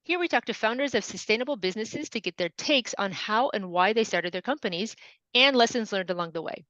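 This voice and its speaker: A woman's voice: medium pitch, expressive, a little fast, a bit bright, dry recording. A woman hosting a podcast, reading an upbeat intro and asking the guest questions. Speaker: podcast host. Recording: dry, dull lo-fi sound.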